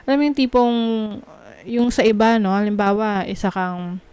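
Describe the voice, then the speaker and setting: A woman from the Philippines giving a tarot reading, slow and reassuring, mixing Tagalog and English and checking in with her listeners. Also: medium pitch, darkish tone, clean tone, dry recording. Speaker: tarot reader.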